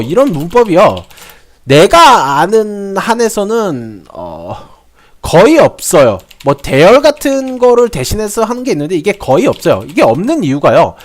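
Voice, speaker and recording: A young man explains English grammar in a casual lesson. His voice sits high and swings widely in pitch. He repeats himself and tosses rhetorical questions at his students. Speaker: English teacher.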